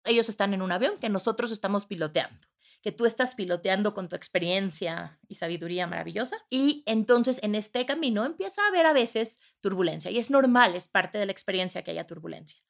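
A woman giving casual parenting advice, animated and acting out loud outbursts as examples. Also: mid-range voice, fairly quick, creaky. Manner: animated, acts out voices with sudden loud outbursts. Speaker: parenting expert guest.

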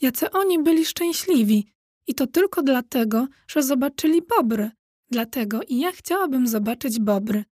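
A woman voicing an excitable, timid ghost lady of a castle, talking high and fluttery. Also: moderate pace, no echo, studio quality. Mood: wistful. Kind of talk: children's audiobook character voice.

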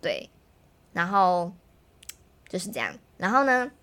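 A young woman, telling a personal story in animated, casual chat as a podcast host. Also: lowish voice. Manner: fast, animated storytelling, mimics others' voices.

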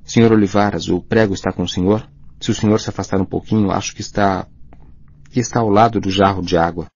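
A dreamy teenage girl speaks softly and calmly in a low, husky voice, as a man reads her. The recording is dry and a little dull. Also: quick pace, no room sound, exaggerated voice. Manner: soft, calm, quiet.

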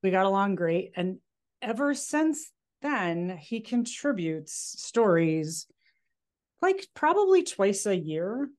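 A woman's voice: mid-range voice, big pitch swings, slow pace, a little mellow. A woman guest on a podcast, telling stories casually with fillers and restarts. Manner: rambling, many fillers and restarts. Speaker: magazine guest. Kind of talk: casual interview chat.

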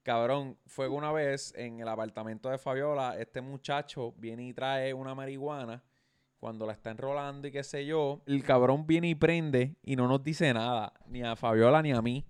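Male co-host, mid-pitched, animated and profane storyteller. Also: normal speed, smooth, no echo. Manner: animated storyteller who swears freely and acts out scenes. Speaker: podcast co-host. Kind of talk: casual chat.

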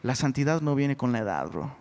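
Casual Mexican preacher, lively, reverberant hall. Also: male voice, medium pitch, brisk. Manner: casual, animated, says "bro" a lot. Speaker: pastor. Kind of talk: sermon. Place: church hall.

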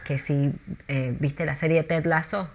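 Low-voiced Argentine woman telling stories. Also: a little slow, noisy background. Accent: Argentine Spanish. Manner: chatty, animated storytelling with restarts. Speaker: tour guide in London.

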